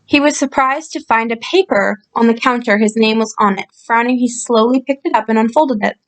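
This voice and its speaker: A woman reading a story aloud and commenting on it in a calm, explanatory way, with frequent fillers, recorded on a computer's built-in mic. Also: fairly high pitch, brisk. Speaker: channel host reviewing a story. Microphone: built-in computer microphone.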